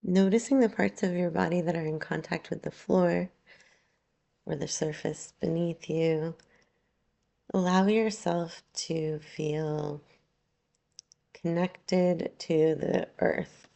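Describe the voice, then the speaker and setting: With long pauses between gentle, unhurried instructions, a woman leads yoga nidra in a low voice with a creaky edge.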